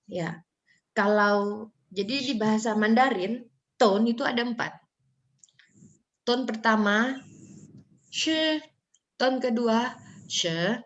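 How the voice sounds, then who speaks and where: A woman's voice: fairly high pitch, steady tone, slow pace, pauses often. Woman lecturer, dull audio. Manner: mixes Indonesian with English, demonstrates tones aloud. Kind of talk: online phonology lecture.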